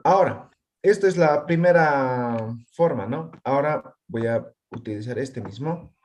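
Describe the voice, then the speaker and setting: With an animated, mid-range voice that's a little mellow, a man runs an online language lesson at a measured pace, peppering students with questions and tag checks for understanding. There's a little hiss or hum.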